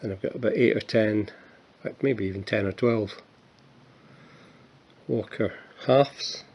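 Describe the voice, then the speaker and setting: A Scottish man in his fifties shows off his coin collection in a casual vlog, joking at his own expense and filling his talk with fillers and restarts. His voice sits on the low side, husky and darkish, and he takes his time.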